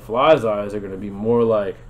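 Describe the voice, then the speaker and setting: A man's voice: on the low side, normal speed. A man hosting a playful educational explainer, asking dramatic questions and chuckling often, with hesitant fillers. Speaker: host. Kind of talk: educational explainer about insects.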